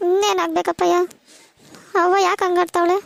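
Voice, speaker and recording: Woman doing tearful cartoon daughter, very high voice, quick, raspy fry. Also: flat delivery, no echo, full character voice. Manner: pleading, worried questions. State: crying. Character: tearful teenage village daughter, anxious and pleading. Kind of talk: cartoon voice acting.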